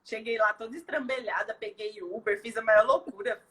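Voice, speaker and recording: A woman's voice: a little high, moderate pace, a bit bright. A woman telling a personal story in an emotional testimony, heartfelt and tearful, with many fillers and restarts. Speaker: guest giving a testimonial.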